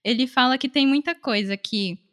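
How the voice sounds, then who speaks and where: A woman from Salvador, an artist, talking in a relaxed and chatty way in a casual conversation. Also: high voice, normal speed. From Salvador, Brazil. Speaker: singer, artist.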